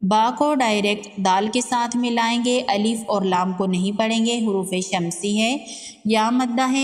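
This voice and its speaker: A woman teaching Quran recitation rules step by step, explaining each rule calmly and reciting verses slowly with drawn-out sounds. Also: medium pitch. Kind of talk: tajweed lesson with slow recitation. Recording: long reverb.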